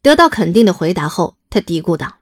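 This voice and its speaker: A woman's voice: on the low side, very animated, brisk. A woman reading scripted, dramatic story narration as an audiobook narrator.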